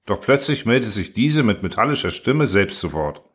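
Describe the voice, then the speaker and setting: A man narrating an audiobook in a measured, even storytelling manner. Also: lowish voice. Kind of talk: audiobook reading.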